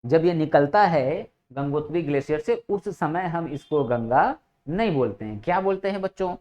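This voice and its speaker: A man's voice: a little high, animated, moderate pace, a little mellow. Man teaching geography, repetitive and patient. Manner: repeats key words with frequent "ठीक है" checks; addresses students as children, asks and answers own questions. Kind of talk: exam-prep geography lesson. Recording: dull lo-fi audio.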